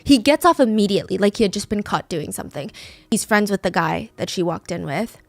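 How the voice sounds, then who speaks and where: A woman's voice: mid-range voice, animated, brisk, gravelly, no room sound. A woman casually recounting a true crime case, talking conversationally and slipping into voices when she quotes people.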